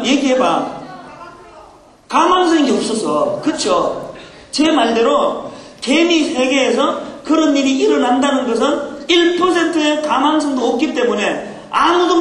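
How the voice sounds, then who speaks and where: A male pastor preaching to young people at a retreat, playful and teasing, telling a comic story and drawing the crowd in. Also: very high-pitched. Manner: playful, teasing, talks with the audience. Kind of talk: comic youth sermon storytelling. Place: large hall at a youth retreat. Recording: echoey hall with crowd noise, old recording. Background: audience laughter.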